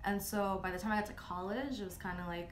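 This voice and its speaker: A young American woman from Michigan speaks in a relaxed, chatty way, sprinkling her talk with fillers and quick laughs. Her voice sits at a middle pitch and carries the reverb of a roomy space, with a faint hiss underneath. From Southeast Michigan, USA. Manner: chatty, frequent "like" and "you know", laughs often. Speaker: guest, anti-racism educator. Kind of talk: casual conversational interview. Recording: echoey room with faint noise.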